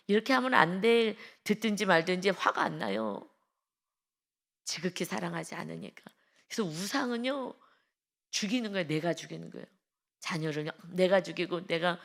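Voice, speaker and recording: A woman pastor giving an early-morning devotional sermon, emphatic, swinging between loud exclamations and hushed asides and tagging phrases with a drawn-out polite ending. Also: on the low side, creaky.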